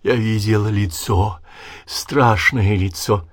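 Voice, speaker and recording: A man reading an audiobook, voicing a dying male patient in terror who shouts hoarsely and desperately. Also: lowish voice, steady tone, slow, dry recording, clean studio sound.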